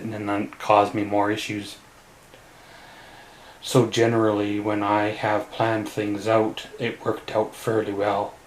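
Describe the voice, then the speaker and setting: A man from Canada rambling through a casual solo vlog in a weary, subdued way, halting often with long pauses. The recording is roomy and echoey. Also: fairly low pitch. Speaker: vlogger.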